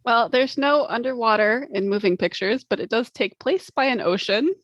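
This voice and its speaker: A woman's voice: a little high, moderate pace, no echo, lo-fi sound. A woman co-hosting a book podcast, chatting casually in a wry, informal way. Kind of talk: casual chat.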